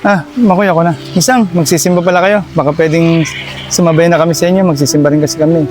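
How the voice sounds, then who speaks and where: A widowed father, voiced by a man in a comic cartoon, polite and hopeful, with a fairly high voice. Faint music plays behind him. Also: fast, a little mellow, natural voice.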